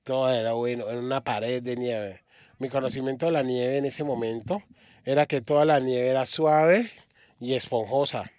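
A male preacher from Australia delivers a sermon at a middle pitch, often pausing and repeating words as he gathers his thoughts. The voice is close and dry, with hardly any room sound. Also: fairly even intonation, darkish tone, no room sound. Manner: halting, frequent restarts and repeated words. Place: church.

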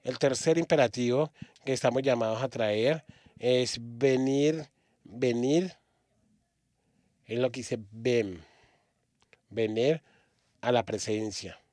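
A man from Australia preaching a sermon in a church, halting often and restarting his words. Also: mid-range voice, a little mellow, no room sound, clean studio sound.

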